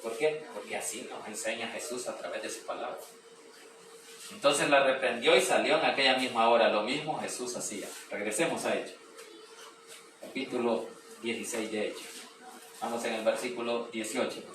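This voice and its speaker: A man preaching at a Bible study, reading scripture slowly and loudly, then explaining it with questions to the group. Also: mid-range voice. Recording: echoey room, mic far off, noisy.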